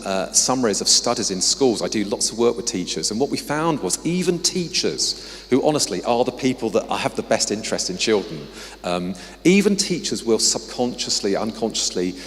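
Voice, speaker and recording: A man with an English accent giving a conversational conference talk with slides as a guest researcher, dropping in apologetic asides. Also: on the low side. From England. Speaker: guest speaker, social mobility researcher. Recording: long reverb of a hall.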